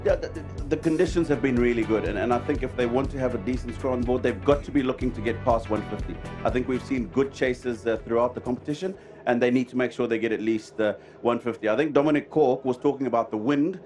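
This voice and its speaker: Male pundit, quick-talking, casual opinions, faint music behind. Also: medium pitch. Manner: relaxed opinions, repeated words. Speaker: cricket pundit. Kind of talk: live pundit chat.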